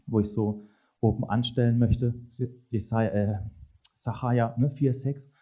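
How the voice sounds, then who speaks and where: Male preacher, mid-pitched, conversational sermon delivery with frequent tag questions; slightly muffled lo-fi recording. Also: steady tone, unhurried.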